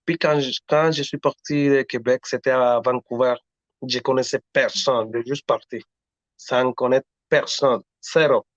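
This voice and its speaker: An earnest Latin American singer whose first language is Spanish talks casually as an interview guest, halting and frequently restarting. His mid-range voice has fairly even intonation, captured in a dry, dull lo-fi recording.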